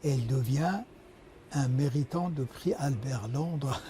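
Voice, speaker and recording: A man hosting a bookshop event, introducing a guest speaker in a halting manner. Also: medium pitch, mellow, a little hiss or hum. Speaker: bookshop host.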